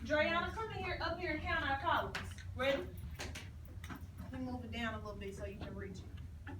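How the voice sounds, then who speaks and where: A woman's voice: high-pitched, fairly even intonation, brisk. A woman teaching a second-grade class, giving short firm directives like a proctor, counting down and repeating instructions. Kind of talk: classroom instruction with call-and-response prompts. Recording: roomy, distant mic, clear classroom noise.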